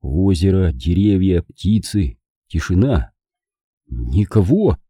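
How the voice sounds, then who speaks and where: Husky, mellow male narrator. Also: lowish voice, big pitch swings, normal speed, no room sound. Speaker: audiobook narrator. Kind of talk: scripted narration.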